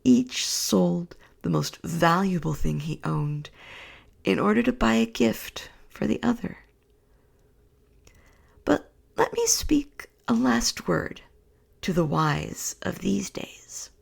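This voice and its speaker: A woman storyteller reading a bedtime story in a soft, slow, soothing whisper. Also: fairly low pitch, lively intonation. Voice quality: breathy whisper.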